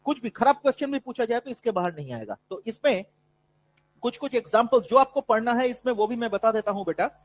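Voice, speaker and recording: A man with a high voice lectures a biology class in that carries an influence. He switches freely into English for the terms and keeps calling his students "beta". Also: animated, a little fast, poor audio. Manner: mixes Hindi and English, calls students "beta". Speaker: biology teacher.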